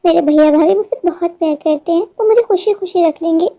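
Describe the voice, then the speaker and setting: A woman's voice: extremely high pitch, brisk, dark tone. A woman voicing an indignant young daughter-in-law in a cartoon story, complaining about her in-laws. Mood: defiant.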